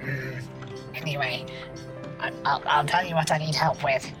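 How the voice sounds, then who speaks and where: A man's voice: fairly high pitch, steady tone, moderate pace, music in the background, pitched above the performer's own voice, natural voice. A man putting on a sly naughty elf. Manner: sly and mischievous, relishes sabotage. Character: scheming naughty male North Pole elf. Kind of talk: comedy podcast sketch.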